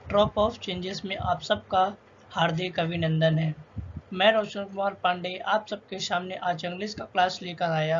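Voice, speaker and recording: Male teacher, higher voice, slow deliberate drilling of letter sounds; dull lo-fi recording. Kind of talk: spoken language lesson. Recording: dull lo-fi with faint hiss.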